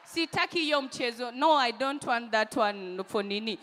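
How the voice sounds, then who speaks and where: A woman's voice: on the high side, animated, normal speed, fairly bright tone, in a large hall. A woman in her twenties with a Kenyan accent doing stand-up comedy, teasing the audience and repeating lines for emphasis. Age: 20s.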